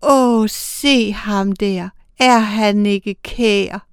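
A woman voicing a young, newly-appointed female angel who is tender and timid, speaking softly and pleadingly. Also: a little high, no room sound, studio quality, voice pushed up, lightly acted. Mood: enchanted. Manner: soft, pleading, often breathy or whispering.

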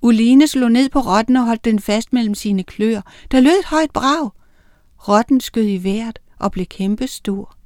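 A woman narrating a children's audiobook, reading with lively character voices. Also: on the high side, dry recording, studio quality.

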